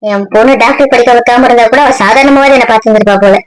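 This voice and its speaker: A woman's voice: a little high, racing, close to an everyday voice, poor audio. A woman playing a sick, resentful middle-aged mother who scolds bitterly in a scripted comedy skit.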